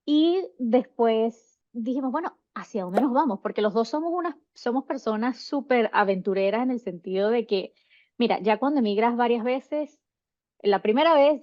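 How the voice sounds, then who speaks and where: Seven months pregnant, a woman in her thirties with a Venezuelan Spanish accent chats as a guest in a casual interview, rambling and restarting often. Her voice runs a bit high and slightly mellow, on a dry, dull recording.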